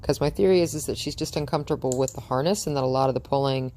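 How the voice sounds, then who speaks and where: A woman's voice: very deep voice, rapid-fire, dark tone, a little hiss or hum. A woman dog trainer chatting through a training session outdoors in front of a house, cooing praise at the dog and laughing often.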